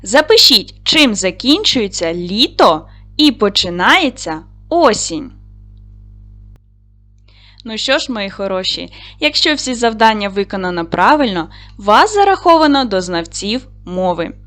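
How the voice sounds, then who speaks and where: A woman's voice: medium pitch, big pitch swings, a little slow, a bit bright. A woman teaching a recorded lesson to young schoolchildren, asking them questions, answering them herself and praising them often.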